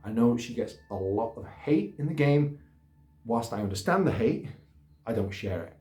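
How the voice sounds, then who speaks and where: A man's voice: medium pitch, lively intonation, moderate pace, mellow. Male host, casual and rambling, recorded at home in a reverberant room. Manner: rambling, chatty, self-deprecating. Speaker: gaming YouTuber host. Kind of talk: casual chat. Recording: roomy echo.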